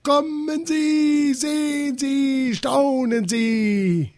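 Ein Mann, der einen pompösen Zirkusdirektor spielt, der in gedehnten, krähenden Ausrufen Reden hält. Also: male voice, steady tone, drawn-out words, dry recording, exaggerated voice. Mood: grandly declaiming. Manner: grandly declaiming, crowing falsetto shouts. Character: pompous male circus director, loves giving speeches.

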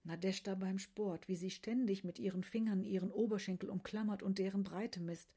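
Brief: female narrator for a quiet literary story, hushed delivery, mellow husky tone. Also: mid-range voice, fairly even intonation, fairly quick. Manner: hushed, often dropping to a whisper.

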